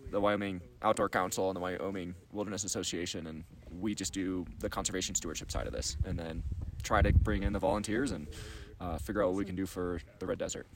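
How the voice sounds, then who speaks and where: A man's voice: low-pitched, steady tone, quick pace, distant mic. An enthusiastic man with his voice giving out, answering casually in an interview as a nonprofit organizer. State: voice almost completely gone. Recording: off-mic with faint noise.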